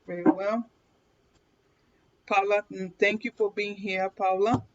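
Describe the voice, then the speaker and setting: Heavy background noise fills the dull lo-fi stream as a woman with a Puerto Rican accent leads a casual live card reading. Her medium-pitched voice stays steady and a little slow while she laughs often and checks in with viewers with "okay?"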